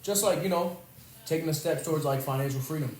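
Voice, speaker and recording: Young man, relaxed slangy talk, echoey studio, faint hiss. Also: a little high, quick pace. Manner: laid-back, mumbling, slangy. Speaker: podcast guest. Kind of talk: casual chat.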